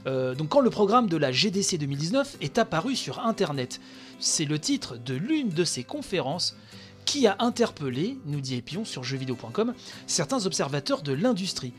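Guy with a fairly high voice doing a solo podcast, lots of "euh", quoting an article, faint music behind. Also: sing-song, normal speed. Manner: chatty, many fillers, reads and quotes an article. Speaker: podcast host. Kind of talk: solo podcast news commentary.

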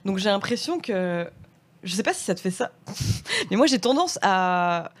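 A woman's voice: medium pitch, big pitch swings, measured pace. Chatty French woman guest, laughing easily. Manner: chatty, laughs often, trails off with fillers. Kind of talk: casual chat.

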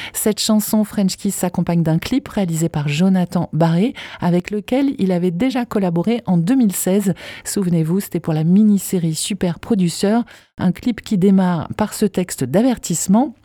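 Warm-voiced woman presenting a radio music segment. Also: lowish voice, normal speed, no room sound, studio quality.

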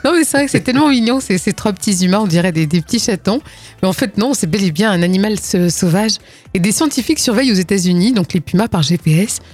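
A woman co-hosting a casual morning radio show in a studio, telling news stories with a giggly, animated manner. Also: mid-range voice. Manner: giggly, animated, quick to laugh. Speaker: radio co-host.

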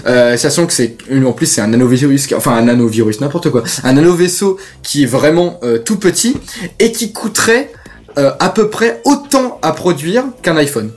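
Young male podcast co-host, slightly high voice, hesitant and rambling, faint music underneath. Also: animated, moderate pace. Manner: rambling, hesitant with many fillers. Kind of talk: casual podcast chat.

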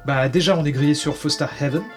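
A man's voice: fairly high pitch, quick pace, faint music behind. A man bantering casually during out-takes of a recording session. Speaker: voice actor in an audio drama.

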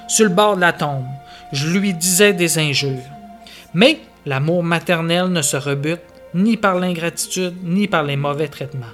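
A man's voice: high-pitched, a bit bright. A man reading the part of a dying, repentant woodsman who pleads and confesses his wrongs in an audio story. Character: dying repentant male woodsman, feverish and frightened.

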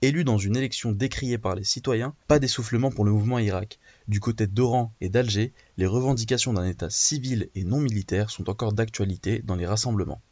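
Low-voiced man reading news, dry lo-fi sound. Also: a little fast, hardly any pauses, darkish tone, dry recording. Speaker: international news correspondent. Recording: dull lo-fi dry recording.

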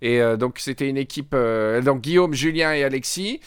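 A chatty man hosts a casual podcast recap, trading strong opinions with a co-host. His voice sits at an ordinary pitch, and the room sounds close and dry. He talks freely and laughs now and then. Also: moderate pace, clean tone, no echo. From France.

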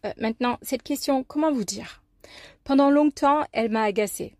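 A life coach from New York, United States, a native English speaker with an American accent and a fairly high voice, presents a personal radio column. She delivers her scripted story expressively and deliberately. The recording is dry and close.

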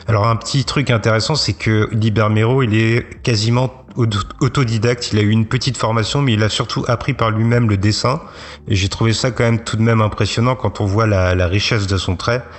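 A man with a fairly low voice gives a prepared rundown from his notes. His delivery is steady and measured, clearly informative rather than chatty. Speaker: co-host presenting a comics author.

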